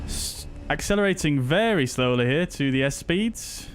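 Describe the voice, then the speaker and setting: A man flying as a pilot, making crisp cockpit callouts and radio readbacks on a headset. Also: fairly high pitch, animated, normal speed, noisy background. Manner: crisp, clipped checklist callouts. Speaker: flight sim streamer flying as pilot.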